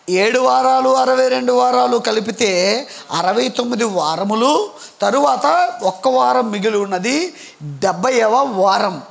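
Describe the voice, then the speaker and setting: A man's voice: very high-pitched, vocal fry, a bit bright. A man preaching a sermon, asking his congregation questions and answering them, with frequent calls of praise. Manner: call-and-response preaching, repeated "Praise the Lord"; mixes English words into his sermon. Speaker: pastor.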